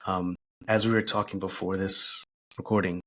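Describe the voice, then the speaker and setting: A man speaking as a podcast guest, reflective and thoughtful, pausing and restarting as he talks. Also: low-pitched, little pitch movement. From United States. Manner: thoughtful, pauses and restarts, laughs softly.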